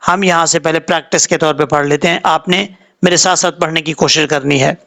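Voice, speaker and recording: Speaking with a Pakistani Urdu accent, he teaches Quran recitation word by word. He first spells out letters and vowel marks slowly, then explains the rules quickly, in a gravelly, sharp voice on the high side with fairly even intonation.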